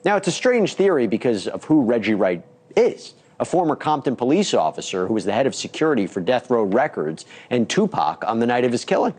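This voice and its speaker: A man's voice: medium pitch, sing-song, fairly quick, a little mellow. A man hosting an entertainment news show, reporting a court story and then interviewing a guest. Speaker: news host.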